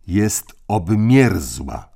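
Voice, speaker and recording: A man's voice: lowish voice, very animated, very slow, creaky, dark tone, voice pushed up, exaggerated voice. A man voicing a bossy, domineering boy who lectures his siblings in a stern tone. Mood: disdainful. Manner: stern, lecturing, hands out points.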